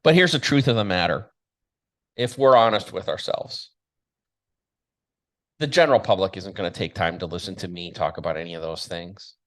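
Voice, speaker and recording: A man's voice: deep voice, fairly bright tone. Emphatic man delivering an opinionated monologue. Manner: emphatic, combative, blunt, rhetorical questions. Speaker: show host and commentator.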